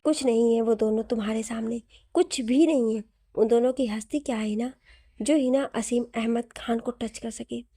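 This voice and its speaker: Brief: tender, protective young husband, read by a woman, soft coaxing voice, slightly high and mellow. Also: normal speed, dry recording, clean studio sound, natural voice. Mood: hushed whisper. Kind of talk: audio story reading.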